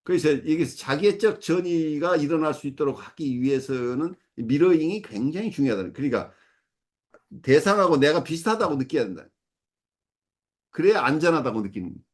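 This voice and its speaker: With a fairly high, animated voice and a brisk pace, a middle-aged psychoanalysis supervisor teaches through a case. He walks through it step by step, often using fillers and correcting himself.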